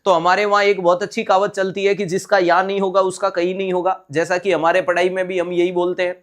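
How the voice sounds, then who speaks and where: A man with a high voice and flat delivery talks fast while leading a live online nursing exam-prep class. He works through the material step by step, repeats key terms, and checks that students are following.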